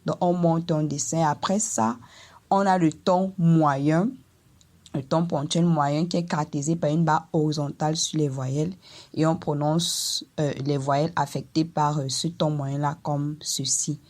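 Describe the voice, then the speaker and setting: Woman language teacher, low voice, unhurried delivery, careful explanations with sung vowel demos. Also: steady tone, a little mellow. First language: Eton. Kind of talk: language lesson.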